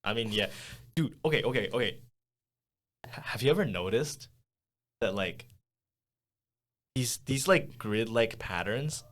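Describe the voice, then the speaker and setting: In a small studio, a young man co-hosting a podcast talks loosely, laughing and dropping fillers as he goes. His mid-range voice is animated and fairly bright, a little slow, with long pauses. A studio condenser mic records him.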